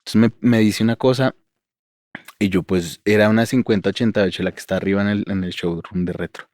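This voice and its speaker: A man's voice: fairly low pitch, fairly even intonation, fast, a little mellow, dry recording, studio quality. A man, hosting a podcast and teaching at a university, who talks thoughtfully and wanders into asides before circling back. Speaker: podcast host and university educator. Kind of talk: podcast interview.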